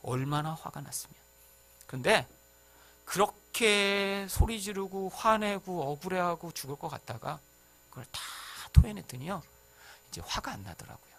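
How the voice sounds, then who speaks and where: A man preaching a sermon as pastor, in a conversational and animated way, with sudden loud outbursts. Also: high-pitched, normal speed.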